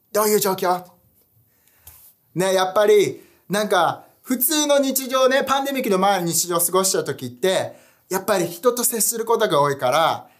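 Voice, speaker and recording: A young man preaching a casual online sermon, animated and chatty, often asking his audience questions. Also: high voice. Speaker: youth pastor.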